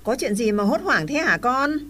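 A woman's voice: a little high, lively intonation, moderate pace, sharp tone. Woman playing a wise, scolding grandmother. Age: older. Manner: scolding, then advising.

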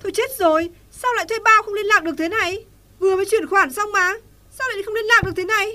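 A woman's voice: very high-pitched, fast, pushed and bright. A woman playing a busy, dismissive middle-aged wife and mother who keeps complaining. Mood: panicked. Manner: complaining, exclaiming.

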